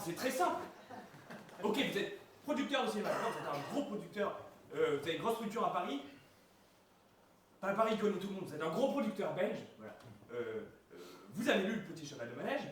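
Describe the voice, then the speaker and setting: A man's voice: sits high, very animated, a little fast. A man acting an impatient, scheming man who bosses others around curtly, in an amateur stage comedy. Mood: exasperated. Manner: curt, exasperated, commanding. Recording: echoey stage from far off, faint noise.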